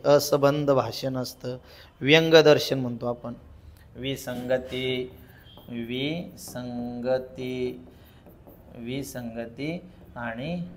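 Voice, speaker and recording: Man with a Marathi accent, classroom teacher, slow unhurried delivery, slightly high voice, sing-song recitation with frequent laughter. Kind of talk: classroom lecture.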